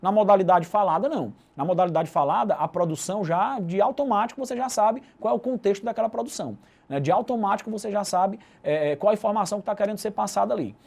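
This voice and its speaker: A Brazilian teacher, speaking with a Brazilian Portuguese accent, gives a recorded video lesson, explaining each step and tacking a tag question onto nearly every phrase. His voice is high and creaky with a darkish tone, and he talks at a quick pace.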